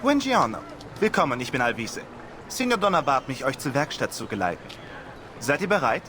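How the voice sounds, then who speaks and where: Actor as lively, flowery city guide. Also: male voice, medium pitch, brisk, background noise, natural voice. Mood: courteous. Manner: flowery, ceremonious. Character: courteous, proud Venetian tour guide, eager to impress. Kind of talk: video game dialogue.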